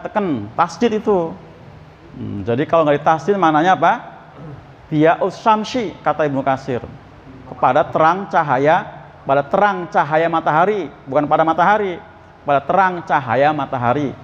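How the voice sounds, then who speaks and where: A man teaching Quran exegesis at a mosque, questioning his listeners and reciting Arabic verses slowly. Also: fairly high pitch, slight background noise. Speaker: ustadz giving Quran exegesis. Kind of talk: mosque study sermon. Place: mosque hall. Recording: muffled, echoey mosque hall.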